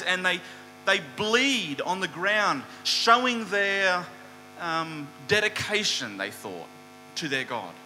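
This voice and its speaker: A man preaching a sermon, retelling a Bible story in a lively storytelling manner. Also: high-pitched. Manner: storytelling, animated retelling with quoted voices. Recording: hall reverb with faint mains hum.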